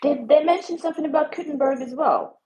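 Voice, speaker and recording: A woman's voice: sits high, quick pace, a little mellow, muffled recording. A woman on a podcast speaking in an unsure, hedging way. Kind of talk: casual chat.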